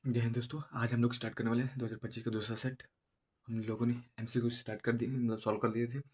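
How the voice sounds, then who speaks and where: A man teaching a school exam lesson, explaining slowly and repeating himself because he has a headache. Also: mid-range voice, little pitch movement, a little mellow, slightly rough. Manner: slow, repetitive explaining with many filler checks. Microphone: no proper voice recorder.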